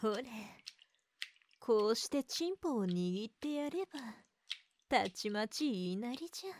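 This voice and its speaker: A woman voicing a teasing, dominant woman with old-fashioned archaic speech, whispering slowly and playfully close to the mic in an ASMR roleplay. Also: fairly high pitch, very animated, darkish tone, a little hiss or hum. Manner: mocking, slow, playful.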